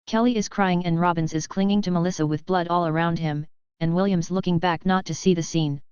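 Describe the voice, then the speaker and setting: A woman narrating an adult fiction audiobook with an even, steady reading. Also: on the low side, fairly quick, clear, resonant tone, no echo, dull audio.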